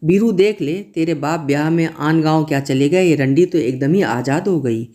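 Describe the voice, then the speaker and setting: A man voicing a spiteful older sister-in-law who taunts loudly, in a read-aloud story. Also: on the high side, moderate pace, close to an everyday voice.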